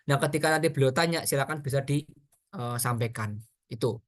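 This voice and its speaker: A man giving an informal public speaking workshop, chatty and animated, talking straight to his audience with asides and quick examples. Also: medium pitch. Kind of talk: casual online workshop talk.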